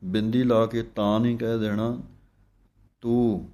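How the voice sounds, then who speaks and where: A man teaching careful recitation of scripture, chanting verses slowly with a melodic lilt and then explaining pronunciation points. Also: lowish voice, level tone, mellow.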